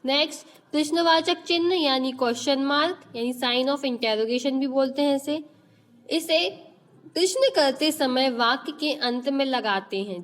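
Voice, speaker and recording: A woman's voice: high voice, in a large hall. A woman teacher, teaching an online class and quizzing children with repeated questions as she explains. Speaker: school teacher.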